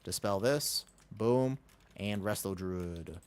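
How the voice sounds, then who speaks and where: Slangy, excitable male game streamer. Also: lowish voice, slow pace, smooth. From Texas, United States. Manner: slangy, excitable, repeats himself. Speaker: game livestreamer. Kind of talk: casual chat and gameplay commentary.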